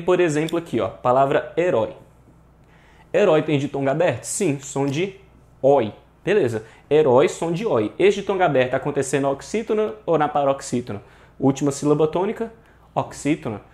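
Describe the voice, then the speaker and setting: This Brazilian-accented male teacher has a fairly high voice with a somewhat dark tone. In an online exam-prep grammar class, he frequently addresses his audience directly and stresses rules through emphatic repetition.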